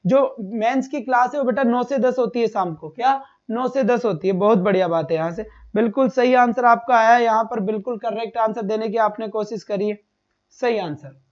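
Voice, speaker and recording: A man teaches a live online exam-prep class, firing quick questions at his students, repeating each point and calling them "beta". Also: extremely high pitch, highs cut off.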